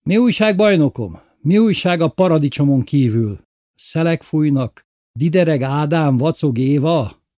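A man's voice: medium pitch, very animated, mellow, husky, dry recording, clean studio sound, voice pushed up. A man reading aloud and voicing a teasing, theatrical village woman with a mocking, sing-song manner.

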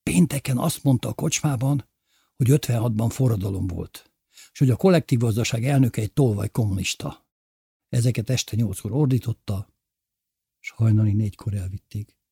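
A man reading aloud and voicing a worried, unshaven older village man who talks in a hushed, hurried way. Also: mid-range voice, creaky, breathy edge, dry recording, studio quality.

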